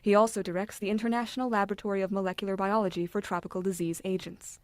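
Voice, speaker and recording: A woman reading scripted narration for a radio profile in an even broadcast delivery. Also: mid-range voice, very fast, no room sound.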